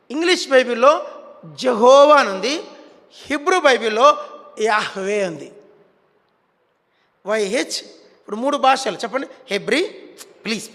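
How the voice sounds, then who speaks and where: High-voiced preacher in a hall. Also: male voice, fairly bright tone. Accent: Telugu. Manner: coaxing the congregation to repeat words after him. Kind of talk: sermon. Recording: long hall reverb.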